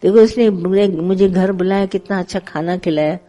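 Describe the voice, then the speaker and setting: A middle-aged woman gives a devotional satsang discourse in a warm, mellow voice. She speaks conversationally to a seated group, tells parables and acts out the quotes in them. Her pitch sits at an ordinary middle height for a woman. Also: moderate pace, rough recording. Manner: conversational, tells parables with acted quotes, mixes English words. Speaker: spiritual teacher leading satsang.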